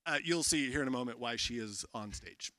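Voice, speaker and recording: A man's voice: medium pitch, animated, fairly quick, sharp tone, no echo. A man serving as emcee on a conference stage, introducing the speakers earnestly with frequent uhs. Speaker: event emcee.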